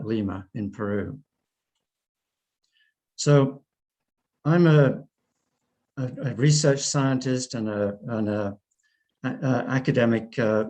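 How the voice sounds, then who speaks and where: An older man with a hoarse, croaky voice, giving a halting conference presentation over a video call. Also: fairly low pitch, darkish tone. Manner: halting, often repeats and breaks off words. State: hoarse from wildfire smoke and asthma. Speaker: research scientist and clinical pathologist, invited speaker. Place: remote online presentation by screen share. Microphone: video call microphone.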